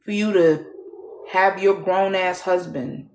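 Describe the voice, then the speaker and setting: In poor, reverberant audio, a woman with a lowish, steady, slightly mellow voice speaks slowly. Originally from Trinidad and Tobago, she has an American accent and recounts her own story to camera with blunt, raw candor, cursing and laughing wryly.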